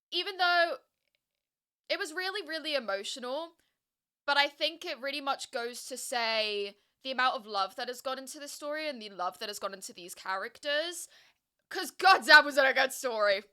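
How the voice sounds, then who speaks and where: Bright high-voiced young woman streamer. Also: lively intonation, moderate pace. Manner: emotional, gushing, reads chat aloud. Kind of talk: casual live-stream chat. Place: home streaming setup with music playing.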